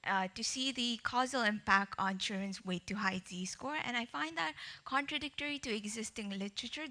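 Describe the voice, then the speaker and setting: A woman from Nepal presenting her research at a conference in a steady, explanatory way. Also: medium pitch.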